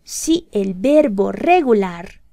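A woman's voice: medium pitch, big pitch swings, takes it slowly, vocal fry, mellow, slight background noise. A woman teaching English grammar to beginners, explaining each rule patiently step by step and asking checking questions as she goes.

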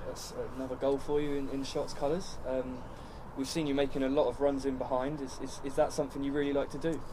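A man's voice: mid-range voice, level tone, fast. A man interviewing a player for a club channel after a match, outdoors at a ground at night, padding leading questions with "you know" and "obviously". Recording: outdoor noise behind.

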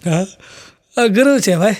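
A man's voice: high-pitched, lively intonation, unhurried. A man with a Kathiyawadi Gujarati accent telling jokes on stage, piling on "he said" tags as he tells stories. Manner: storytelling full of "he said" tags. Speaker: stand-up comedian. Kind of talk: live stand-up joke telling.

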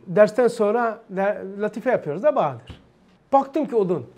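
High-voiced, animated male religious teacher. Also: normal speed. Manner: animated, emphatic retelling with repeated phrases. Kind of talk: storytelling lesson.

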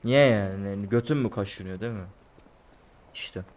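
A man's voice: fairly low pitch, normal speed, a little mellow. A young man with a Turkish accent, a gameplay streamer who mutters to himself and bursts into angry swearing. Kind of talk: gameplay commentary.

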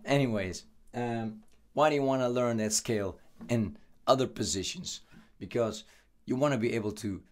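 A man from the Netherlands with a hoarse, worn voice, giving a loose, chatty guitar lesson full of fillers. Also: on the low side. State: hoarse, losing his voice. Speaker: guitar teacher. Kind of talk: casual video lesson.

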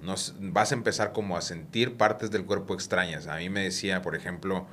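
Low-voiced doctor explaining at length. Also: male voice, a bit bright, a little hiss or hum. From Mexico. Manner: explains at length, often checks in with listener, slows and lowers voice for effect. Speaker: cannabis physician guest. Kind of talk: explanatory podcast talk.

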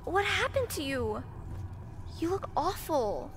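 Video game role: worried young girl, high swooping voice, heavy background noise. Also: sing-song, takes it slowly, over a noisy crowd, heavily acted. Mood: dismayed concern. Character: worried young girl exploring a ruined pizzeria.

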